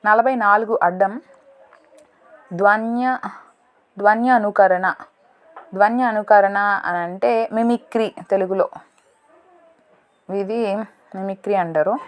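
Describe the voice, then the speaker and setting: A woman solving a word puzzle in a casual lesson, thinking aloud, slow and deliberate, correcting herself as she goes. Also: medium pitch, steady tone. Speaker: teacher solving a crossword.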